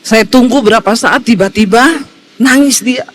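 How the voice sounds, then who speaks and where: A woman pastor giving a sermon in a lively storytelling way, swinging between high exclaims and quiet low asides. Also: moderate pace.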